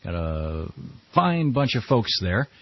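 A man's voice: on the low side, big pitch swings, takes it slowly, no room sound. A man hosting a live radio talk show in a conversational way. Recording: dull radio broadcast audio, faint music.

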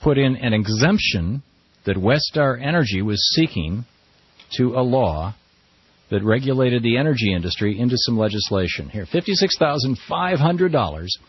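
An American man hosts a talk radio show with animated, swinging intonation. His voice is husky and his delivery emphatic and rhetorical. The sound is close and dry, slightly dulled by broadcast. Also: medium pitch, no echo, dull audio.

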